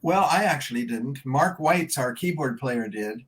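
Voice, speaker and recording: In a casual interview, a band member in his seventies tells a long, rambling, chatty anecdote. His mid-range voice is expressive and moves at a normal speed, though the audio quality is poor.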